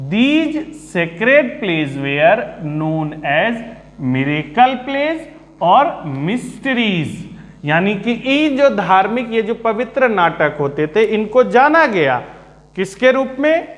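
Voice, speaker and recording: Male teacher, slow calm delivery, repeats terms, high lively voice, long room echo. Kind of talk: Hindi-English literature lesson. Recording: echoey room.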